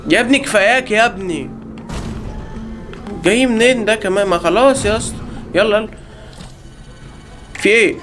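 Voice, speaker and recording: شاب بلهجة مصرية يعلق على لعبة رعب وهو يلعب، يصرخ ويهزر مع المتابعين. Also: male voice, high voice, a little fast, long pauses, soft background music. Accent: Egyptian Arabic. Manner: panicky, yelling in bursts while being chased; jokey, talks to viewers and the game. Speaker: gaming channel host. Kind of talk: live horror game commentary.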